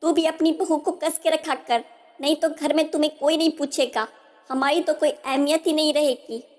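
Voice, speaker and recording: A woman's voice: high-pitched, fairly even intonation, moderate pace, a little mellow, faint music behind, close to an everyday voice. A woman voicing a bossy, commanding middle-aged mother-in-law in a storybook tale. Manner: commanding, scolding. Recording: long hall reverb.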